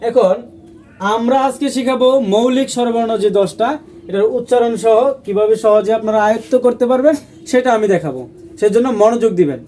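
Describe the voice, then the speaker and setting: Man, very high voice, language teacher, slow and patient, repeats each sound. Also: mellow, a little hiss or hum. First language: Bengali. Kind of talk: step-by-step language lesson.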